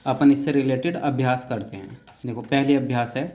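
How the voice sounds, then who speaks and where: A man's voice: medium pitch, steady tone, fairly quick, dark tone. A man teaching shorthand step by step, patiently breaking words into syllables and strokes and calling his students "beta".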